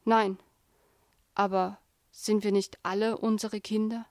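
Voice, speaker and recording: A woman's voice: mid-range voice, level tone, takes it slowly, no echo, studio quality. A woman voicing a desperate man who begs a driver to hurry while holding a dying child, in a pleading tone. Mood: grieving. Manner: pleading, urgent.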